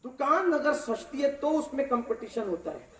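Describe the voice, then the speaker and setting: A man preaching a sermon to a congregation, impassioned, swinging from loud shouts to low, quiet lines. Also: big pitch swings, moderate pace. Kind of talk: Urdu-Hindi religious sermon to a congregation. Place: large hall or mosque gathering. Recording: echoey distant mic in a hall.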